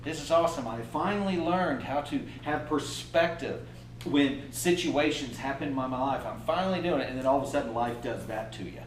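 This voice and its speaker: A man in his fifties giving an animated motivational workshop talk and acting out inner voices. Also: mid-range voice, a little fast, echoey room, far from the mic, noisy background. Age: 50s. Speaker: trainer.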